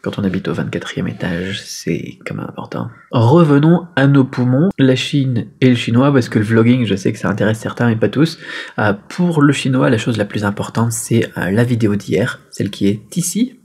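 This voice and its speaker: A man's voice: mid-range voice, lively intonation, normal speed, vocal fry, darkish tone, breathy edge. A man from France vlogging casually to camera in his apartment, chatty and full of fillers and self-corrections, recorded on a camera-mounted mic. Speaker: vlogger and Chinese teacher. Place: apartment during a power cut. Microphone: camera-mounted shotgun mic.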